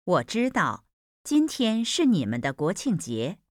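Here a woman with a lowish voice and huge pitch swings reads Mandarin pronunciation examples at an unhurried pace. Each sentence is carefully enunciated, textbook-recording fashion, slow and deliberate. There's no room sound, just clean studio audio.

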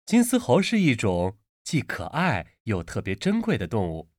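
This Mandarin pronunciation lesson features a man reading drill words and sentences in a slow, deliberate textbook-recording style, though at a moderate pace, enunciating each one carefully. His mid-range voice swoops wildly in pitch, and the recording is dry and studio quality.

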